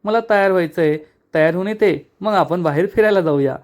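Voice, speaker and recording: A man voicing a coy, playful young woman who teases briskly. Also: on the low side, a little mellow, natural voice. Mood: coy, teasing.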